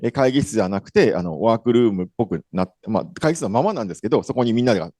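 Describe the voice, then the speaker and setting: Chatty animated man hosting a conference. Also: fairly low pitch, rapid-fire, dry recording, clean studio sound. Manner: chatty, rambling with many fillers and self-corrections. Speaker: event host. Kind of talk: casual conference introduction. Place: conference hall.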